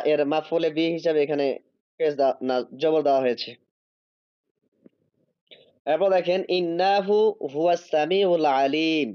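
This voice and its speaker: A man with a fairly high voice teaches an online Arabic grammar class. He explains patiently, reading each Arabic word slowly and checking that students understand. The recording is dry and somewhat dull, like lo-fi class audio. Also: clear, resonant tone, no echo. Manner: drawn-out reading of Arabic words.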